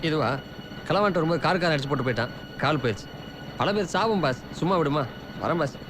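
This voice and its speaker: Actor as young street guy, injured leg, fast rueful talk, highish voice, traffic noise. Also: expressive, lightly acted.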